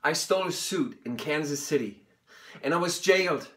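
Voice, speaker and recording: A man in his thirties or forties playing an anguished, bitter grown son in an intense stage monologue, speaking emphatically with halting pauses. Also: on the high side, expressive, a bit bright. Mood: angry, accusing. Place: small indoor room.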